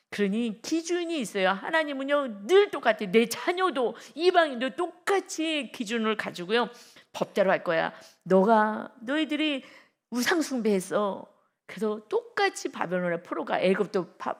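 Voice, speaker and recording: A woman pastor preaching an early-morning sermon with emphasis, reading scripture slowly and loudly and asking her listeners direct questions. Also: a little high, vocal fry. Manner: vivid sound words and direct questions to the congregation.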